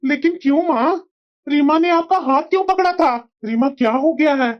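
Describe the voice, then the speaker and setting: A woman's voice: high voice, moderate pace, lightly acted. A woman voicing an exasperated grown son and husband in a cartoon drama, reproachful and questioning. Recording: dull lo-fi audio.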